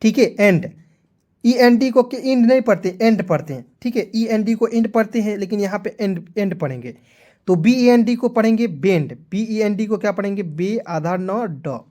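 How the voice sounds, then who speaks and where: A man's voice: high voice, expressive, normal speed, mellow. Man drilling phonics, chatty and repetitive. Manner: repetitive, spells letters out and drills, asks "clear?". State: sweating in the heat. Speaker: English teacher. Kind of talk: Hindi-language phonics lesson.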